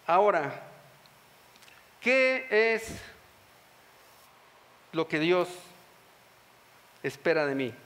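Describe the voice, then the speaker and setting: A man's voice: high-pitched, big pitch swings, extremely slow, pauses often, fairly bright tone. A man preaching a sermon, often putting rhetorical questions to the congregation. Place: church hall. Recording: music under long church reverb.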